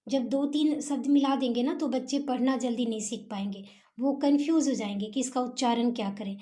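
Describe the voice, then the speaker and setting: A high-pitched woman teaches a lesson in an explanatory way. Her tone is mellow and soft-edged. She stretches the syllables out slowly as she sounds them and keeps checking in with the listener. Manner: slow, drawn-out sounding of syllables; repeats okay and checks in with listener.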